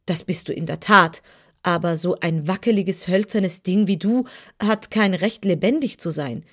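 A woman's voice: lowish voice, normal speed, fairly bright tone. A woman voicing a proud, boastful male cab horse who lectures in a pompous way, in a storybook reading. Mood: indignant.

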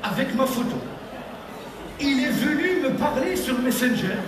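A young man from Tunisia doing stand-up comedy on a theater stage and acting out characters with sudden pitch jumps. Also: lively intonation, measured pace. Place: large theater stage with live audience. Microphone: handheld mic, filmed from the audience. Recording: echoey hall from far off, crowd noise.

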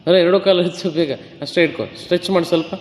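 A man's voice: high voice, fairly even intonation, fast, long reverb tail, a little hiss or hum. A man from Karnataka coaching a home workout in a casual, bossy and teasing way, counting reps aloud. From Karnataka, India. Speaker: fitness coach.

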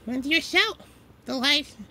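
A woman's voice: sits high, lively intonation, measured pace, bright, forceful tone, heavily acted. A woman voicing a remorseful young woman in a fan-made puppet show, speaking earnestly and pleadingly. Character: young woman who lost her brother, remorseful.

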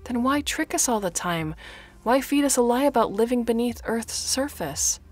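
A woman voicing a curious, wary young girl in an audiobook, asking anxious questions in a breathy half-whisper. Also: fairly low pitch, steady tone, moderate pace, soft background music. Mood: upset.

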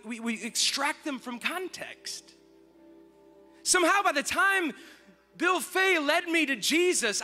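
A bright, high-voiced man preaching in a big church hall, with a long reverb trailing his words. He tells his story gently, dropping to near-whispers, then rises to fervent exclamations over soft music. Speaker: worship leader. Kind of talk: storytelling sermon. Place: large church auditorium.

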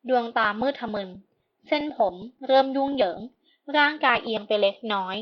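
Woman narrating a storybook, slightly high. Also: normal speed, highs cut off, slight background noise. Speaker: audiobook narrator. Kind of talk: scripted narration.

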